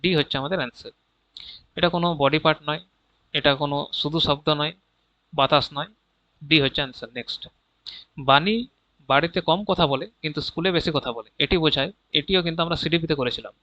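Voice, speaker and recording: Bengali-accented male exam tutor, bright and slightly high voice, explains answers step by step, dull dry recording. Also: fairly quick, long pauses, no echo. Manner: reads each question, then explains answers with frequent "ঠিক আছে?" check-ins; mixes English terms into Bengali. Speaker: exam prep teacher.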